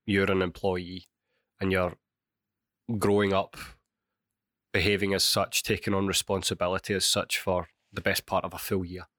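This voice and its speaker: A Scottish man in his thirties, hosting a casual solo podcast, a little hoarse and bunged up with a cold, chatty and prone to rambling asides. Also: low voice, little pitch movement, normal speed, pauses often, a bit bright, dry recording, clean studio sound. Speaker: podcast host and university chemistry lecturer. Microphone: microphone.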